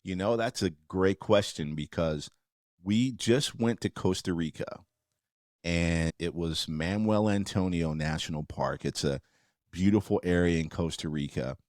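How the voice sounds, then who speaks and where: A man with a very deep voice hosts a casual podcast. He asks questions in a relaxed, playful way and joins in the chat. The sound is dry and close. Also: a little slow, no echo. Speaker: podcast host.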